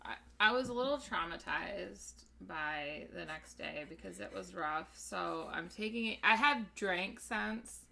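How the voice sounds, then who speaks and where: A young woman co-hosting a podcast in casual chat, relaxed, laughing along with short replies. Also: on the low side, measured pace, gravelly, few pauses. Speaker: podcast co-host.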